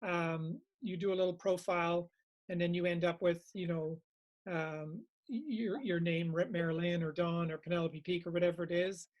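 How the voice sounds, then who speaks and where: A man's voice: high-pitched, fairly even intonation, moderate pace. A man teaching meditation informally, reflective and repeating phrases for emphasis.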